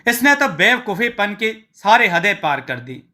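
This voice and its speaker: A bright, piercing village wife nags and scolds in an exasperated, shrill way, as a man puts her on. Her voice sits high, and her tongue is sharp. This is a storybook tale voice. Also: very animated, measured pace, heavily acted. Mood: scolding.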